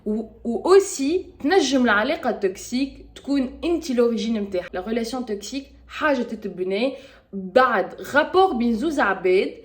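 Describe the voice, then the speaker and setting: A woman's voice: on the high side, expressive, very fast. A Tunisian woman with a Tunisian accent, chatting casually and spontaneously in a podcast vlog, hesitating often and mixing French with Tunisian Arabic. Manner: switches freely between French and Tunisian Arabic. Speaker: podcast vlogger. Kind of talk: casual chat.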